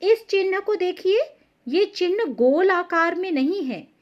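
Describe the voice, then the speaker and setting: A high-voiced woman teaches letter writing slowly and patiently. Her tone rises and falls a lot, and she repeats and stresses every correction. The recording is dull and lo-fi. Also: animated. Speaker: Hindi teacher. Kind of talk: slow explanatory lesson.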